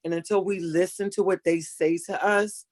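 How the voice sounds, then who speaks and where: An older woman in casual conversation, giving earnest, motherly advice and slowing down to stress her points. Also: fairly low pitch, fairly even intonation, darkish tone, no echo. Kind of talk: casual chat.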